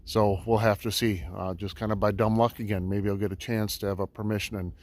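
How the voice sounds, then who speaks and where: Low-ish guy chatting to his camera out in the snowy woods, lots of ums and uhs. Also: level tone, fairly quick, darkish tone. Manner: easygoing, with frequent ums and uhs. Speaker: metal detecting vlogger. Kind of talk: casual outdoor vlog narration. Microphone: camera set up on the trail.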